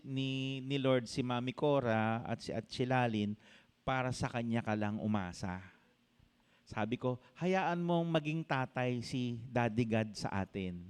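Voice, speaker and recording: A man's voice: on the high side, clear, resonant tone. A middle-aged man preaching a sermon in church, switching between Tagalog and English and calling out to the congregation for responses. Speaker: pastor.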